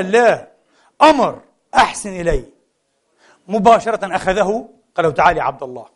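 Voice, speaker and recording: Man, preacher, high voice, animated sermon with rhetorical questions. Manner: animated, switches between classical Arabic and colloquial asides, rhetorical questions. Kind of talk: Friday sermon to a congregation.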